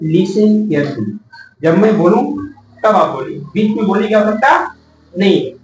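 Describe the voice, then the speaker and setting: Music plays behind a man teaching students, his voice high and animated. He constantly throws questions back at the class, echoes the answers, spells words slowly letter by letter, and calls out key terms, all from far off the mic in an echoey room.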